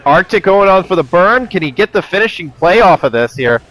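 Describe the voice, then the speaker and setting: A man doing live play-by-play esports commentary, excitable, with his voice climbing as the action builds. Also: sits high, a little fast, rough recording.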